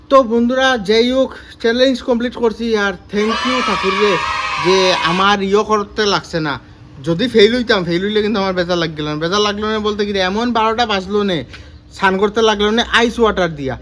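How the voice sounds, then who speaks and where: High-voiced Sylheti man hosting a homemade vlog. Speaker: challenge video host. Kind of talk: casual chat to viewers. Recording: faint noise, unedited home video.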